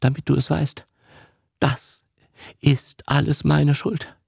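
A man's voice: on the high side, little pitch movement, slow pace, vocal fry, darkish tone, slightly rough, dry recording, studio quality, voice pushed up, exaggerated voice. A man voicing a frightened, guilt-ridden old man past seventy who whispers and gasps his words in a dramatized audiobook. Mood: anguished. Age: over 70 (figure). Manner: trembling, whispering and gasping.

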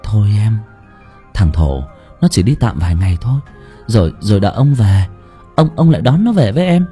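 A man's voice: lowish voice, very animated, fairly quick, soft background music. Man doing a stammering timid servant. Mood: urging. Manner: stammering, hushed.

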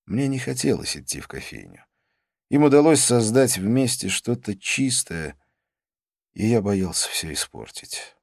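A man narrating an audiobook in a steady, measured storytelling manner. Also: medium pitch, gravelly, no room sound, clean studio sound. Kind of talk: audiobook reading.

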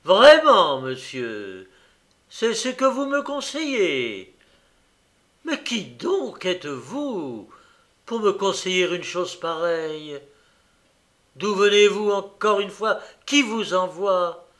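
A man's voice: fairly high pitch, animated, slow, voice pushed up, full character voice. A man voicing an old, tormented gambler who turns desperate and furious. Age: older. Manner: anguished, rising to shouted rage.

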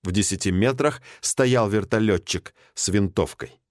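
Man narrator, audiobook, lowish, lively intonation, dry recording. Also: a little slow, no room sound.

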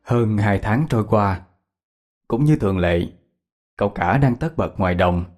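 Male ghost-story narrator, very lively delivery, soft music bed. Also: fairly low pitch, measured pace. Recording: faint background music.

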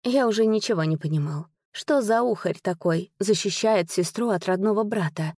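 A woman's voice: medium pitch, moderate pace, a little mellow, no room sound, studio quality. Woman reading a story aloud. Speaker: narrator. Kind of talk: expressive audiobook reading.

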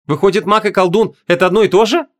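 A man's voice: sits high, racing, natural voice. A man reading an audiobook voices a brash young woman apprentice who teases and scolds her teacher. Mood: curious. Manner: teasing, indignant.

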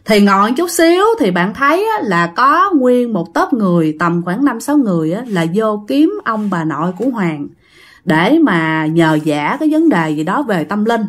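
A woman's voice: mid-range voice, big pitch swings, normal speed. A woman telling a ghost story in a chatty, rambling way. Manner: chatty, rambling, filler-heavy. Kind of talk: casual ghost-story narration.

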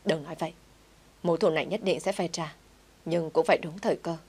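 A woman voicing a sharp-tongued, defiant middle-aged mother in an audio story. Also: deep voice, quick pace, husky. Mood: scheming. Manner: scolding, defiant.

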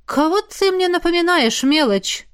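A woman's voice: very high voice, animated, a little slow, voice pushed up. Woman doing a brash, mocking young woman. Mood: boisterous. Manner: blunt, mocking, loud.

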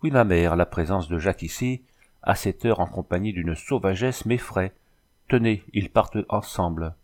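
Brief: man doing a frightened young woman, urgent, low deep voice. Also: normal speed, a little mellow, lightly acted. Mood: anxious. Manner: anxious, urgent.

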